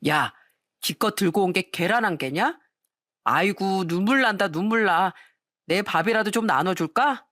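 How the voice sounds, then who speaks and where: A woman voicing a loud, spiteful teenage schoolboy bully who taunts and sneers. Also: medium pitch, very animated, measured pace, husky, no echo, full character voice. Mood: mocking.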